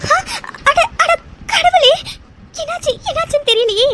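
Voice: very high-pitched, animated, fast, loud music behind the voice. A performer voicing a young woman coder in a cartoon serial, crying and panicking over a failed program. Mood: distraught.

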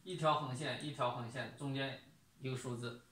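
A man teaching a casual online music lesson, explaining sight-singing slowly and patiently. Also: mid-range voice, fairly even intonation, sharp tone. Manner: sings solfège syllables, then explains slowly and patiently. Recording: roomy, distant from the mic.

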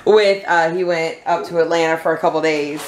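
A woman's voice: sits low, steady tone, brisk, low-quality recording. A young woman, chatting casually and rambling on camera for her vlog, often giggling. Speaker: vlogger.

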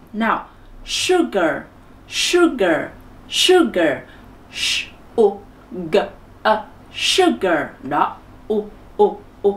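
Lively, high-voiced woman teacher, echoey room. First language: Vietnamese. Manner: animated, coaxing, drills sounds in repetition. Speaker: English pronunciation teacher. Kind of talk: children's English lesson.

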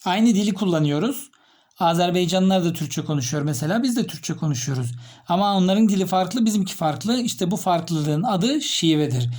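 A male teacher giving a literature lesson, asking his students questions and repeating key terms slowly as he writes. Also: high voice, animated, a little mellow. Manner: explains step by step, repeats key terms while writing; addresses students directly with questions.

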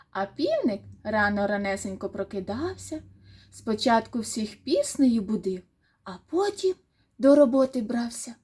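A woman reading a children's fairy tale aloud in an expressive, sing-song storytelling manner. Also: fairly high pitch, slightly rough.

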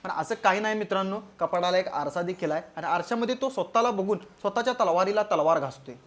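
A man's voice: sits high, quick pace, a little hiss or hum. A man with a Marathi accent delivering a crude, scolding comedy roast commentary.

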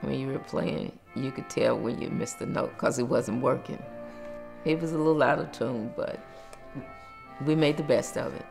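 A woman's voice: rumbling low, steady tone, moderate pace, creaky, a little mellow. An older woman, a former church pianist, reminiscing in a documentary interview. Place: home room with piano. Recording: music bed under voice.

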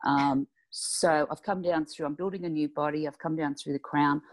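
Woman, low-pitched, careful, detailed describer, online class participant. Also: steady tone. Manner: detailed, deliberate descriptive telling. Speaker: class participant asking a question.

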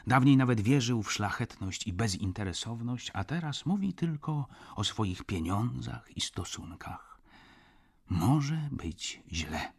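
A man reading an audiobook, narrating in the first person in a measured, reflective manner. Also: mid-range voice, fairly bright tone, breathy edge. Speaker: audiobook reader.

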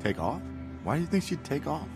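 A man's voice: a little high, sing-song, fairly quick. An actor voicing an evasive, defensive adult male survivor in a video game, with game music behind him.

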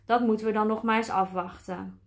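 A woman voicing a calm, sensible male ant in a storybook, who speaks patiently and matter-of-factly. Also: mid-range voice, fairly quick, natural voice.

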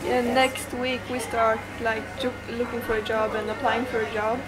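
A young woman from Norway chatting as a guest at dinner, relaxed and talkative. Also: on the high side, moderate pace. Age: young adult. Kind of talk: casual chat. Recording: noisy crowded restaurant.

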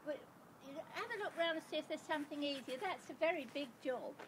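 A woman's voice: high-pitched, fast, a little hiss or hum, rough recording. An elderly woman chatting hesitantly on a doorstep, picked up outdoors on a handheld phone. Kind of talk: casual doorstep chat. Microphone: handheld phone held by the other person.

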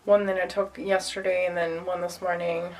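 A woman's voice: lowish voice, little pitch movement, normal speed, darkish tone, rough recording. A young woman with a cold, vlogging casually at home into a phone camera, chatting with lots of "um" and "like". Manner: chatty, many fillers like "um" and "like". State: has a cold. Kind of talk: casual vlog. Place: home bathroom. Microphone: handheld phone camera.

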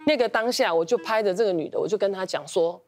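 A woman's voice: medium pitch, darkish tone. A woman on a talk show telling a story and quoting the people involved. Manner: brisk storyteller, quotes herself and others.

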